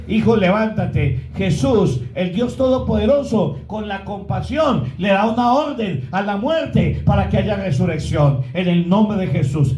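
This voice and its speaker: A man's voice: high voice, a little mellow, reverberant, rough recording. A man preaching a sermon as pastor, often asking the congregation to fill in words.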